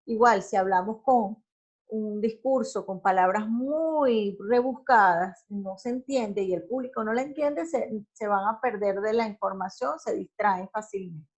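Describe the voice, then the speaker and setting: A woman teaching a recorded class lecture, explaining slowly and checking in with the listeners often. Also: medium pitch, husky.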